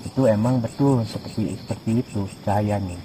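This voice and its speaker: A man's voice: lowish voice, brisk. A local man being interviewed outdoors at night, recounting casually in a hesitant, repetitive way. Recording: clear insect noise, outdoors at night.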